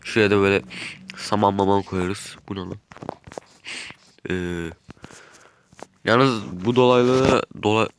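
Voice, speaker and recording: Low-voiced man with a stuffy nose. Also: fairly even intonation, takes it slowly, pauses often, slight background noise. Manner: chatty, thinks aloud while building. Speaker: gaming YouTuber. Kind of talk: casual gameplay commentary.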